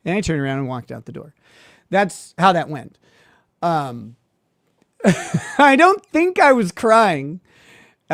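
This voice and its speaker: A man's voice: on the high side, no echo, studio quality. A man, a suspended lawyer, telling a story in a casual monologue with a sardonic, mocking manner, laughing and using lots of filler words.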